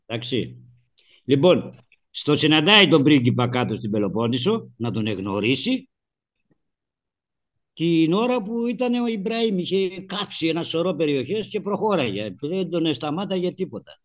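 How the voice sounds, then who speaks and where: A man hosting a talk radio show, telling a history story in a lively way and acting out the quoted lines. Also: on the high side. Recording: lo-fi radio recording.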